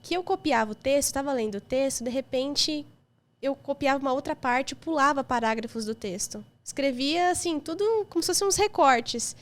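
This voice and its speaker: A young Brazilian woman with a Brazilian Portuguese accent, a podcast guest telling personal stories in an emotional, lively way. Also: high-pitched, normal speed. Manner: emotional, lively storytelling with quoted voices. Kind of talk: casual chat.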